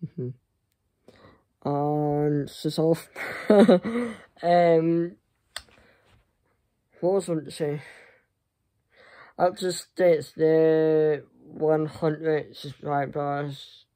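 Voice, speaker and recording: A young man chatting casually to camera in a halting, rambling way that often trails off. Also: on the high side, little pitch movement, mellow. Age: young adult. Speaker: vlogger. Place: small furnished room indoors. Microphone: phone at arm's length.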